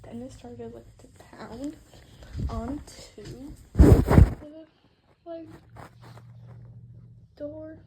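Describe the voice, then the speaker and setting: A woman's voice: high-pitched, very slow, pauses often, heavy background noise. A woman improvising a listener role-play story at home into a phone, rambling with many fillers and sometimes dropping into a whisper. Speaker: voice actor.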